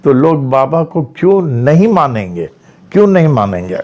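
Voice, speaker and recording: A man from Maharashtra telling devotional stories in a slow, repetitive way, like a spiritual teacher addressing followers. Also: mid-range voice, very animated, darkish tone, muffled recording. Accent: Maharashtra, India. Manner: slow storytelling with repeated phrases. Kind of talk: devotional discourse.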